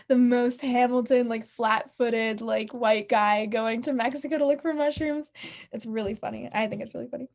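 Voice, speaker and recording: A woman giving a casual university lecture, chatty and animated, with frequent fillers. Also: a little high.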